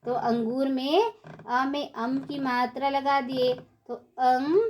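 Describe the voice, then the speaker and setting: A woman's voice: high voice, fairly even intonation, slow, a little mellow, slight background noise. A woman teaching young children a reading lesson, spelling words out syllable by syllable and repeating each one for the class to echo, in a sing-song classroom tone. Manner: asks and answers her own questions in a sing-song classroom tone. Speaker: primary school teacher.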